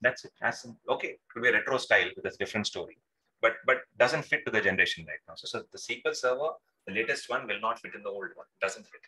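A man's voice: fairly low pitch, fast, sharp tone, low-quality recording. A man teaching an informal, interactive online lesson, often saying sir and checking in with short questions. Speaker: instructor. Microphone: video call microphone.

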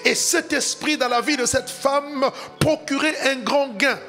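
A man's voice: very high-pitched, fairly even intonation, a little slow, sharp tone, soft background music. A man pastor preaching a sermon in a sing-song cadence, climbing to emphatic peaks.

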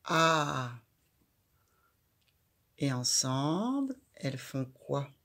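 Woman reading teacher, very slow delivery, gravelly edge, calls out syllables with emphasis. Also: low voice, expressive. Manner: slow, clear, stressing each syllable loudly. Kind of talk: children's reading lesson.

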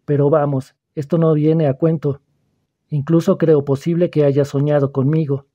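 A man reading the part of a calm, persuasive schoolboy who probes another boy's fears, in an audiobook. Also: fairly high pitch, moderate pace, muffled recording, close to an everyday voice. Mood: calm, probing. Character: calm, probing, mysterious older schoolboy.

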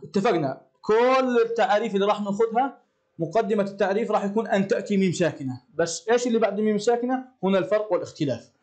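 High-voiced teacher quizzing his class. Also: a little mellow. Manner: asks the class questions and answers them himself; slows down to chant Quran verses. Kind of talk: classroom lesson.

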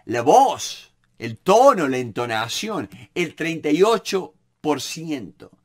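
A man explaining negotiation ideas from a book, animated and repeating words with frequent fillers. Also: fairly high pitch, takes it slowly. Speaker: negotiation instructor.

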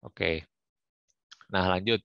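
Young male speaker, deep voice, casual advice delivered with frequent fillers; dry, dull recording. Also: very slow, vocal fry, no echo. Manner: casual, with frequent fillers and English career terms. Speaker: guest speaker. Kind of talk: online career talk. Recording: muffled, dry, lo-fi.

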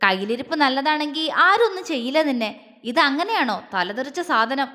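A woman's voice: high voice, lively intonation, normal speed, pushed and bright. A woman voicing a stern, protective young man in a storybook reading, talking in a clipped, firm way. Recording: long echoey reverb.

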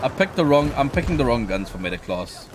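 A man co-hosting a gaming video, excitably bantering and swearing through a shooter match on a headset. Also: mid-range voice, brisk. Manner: excitable, swearing, self-mocking. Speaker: gaming channel co-host. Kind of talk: casual gameplay banter. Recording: game gunfire noise behind voice.

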